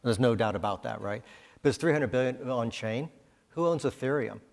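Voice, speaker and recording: A male panel moderator addresses a conference hall in a chatty manner, posing rhetorical questions as the room's reverb rings. He has a gravelly, medium-pitched voice and a moderate pace.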